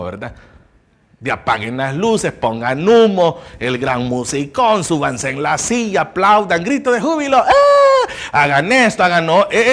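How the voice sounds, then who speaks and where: A man preaching a sermon as pastor of a church, passionate, rising to loud emphasis and dropping to hushed tones, and asking his listeners rhetorical questions. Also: on the high side. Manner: asks the congregation rhetorical questions.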